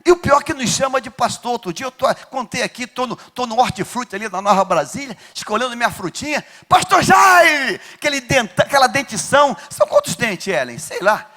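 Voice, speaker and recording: Um pastor de Rio de pregando um sermão com fervor, chamando a congregação a responder e subindo a voz em gritos. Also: male voice, extremely high pitch, sing-song, fast, hardly any pauses. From Brazil. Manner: fervent preaching, rising to shouts, call-and-response with the congregation. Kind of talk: sermon. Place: church.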